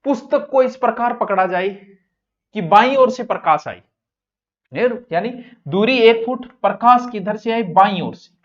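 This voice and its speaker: A man teaching an exam coaching class in a lively, joking way, often moving between loud and soft speech. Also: sits high, measured pace, dull audio.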